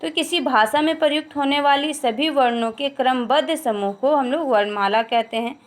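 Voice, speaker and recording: High-voiced woman teaching a grammar class. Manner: explains slowly, drawing out example sounds; asks and answers her own questions. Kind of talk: recorded grammar lesson.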